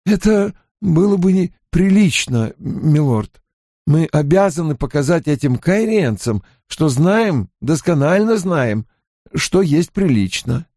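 A man's voice: on the high side, sing-song, slow pace, warm tone, dry recording, clean studio sound, pitched above the performer's own voice, heavily acted. A man doing a stiff, formal servant. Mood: deferential. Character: stiff, overly formal male servant, bowing and dutiful. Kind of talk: audiobook character voice.

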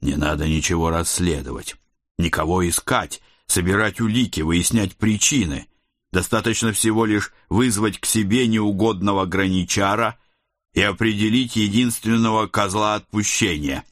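Deep-voiced man narrating an audiobook. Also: fairly bright tone, no room sound, studio quality. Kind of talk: first-person audiobook narration.

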